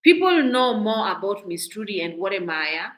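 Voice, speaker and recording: A woman with a Kenyan accent delivers reaction commentary straight to her viewers. Her voice sits at an ordinary middle pitch. She talks in an outspoken, indignant way, repeating and restarting phrases as she makes her points. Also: sing-song, moderate pace, fairly bright tone, rough recording. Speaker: commentary vlogger.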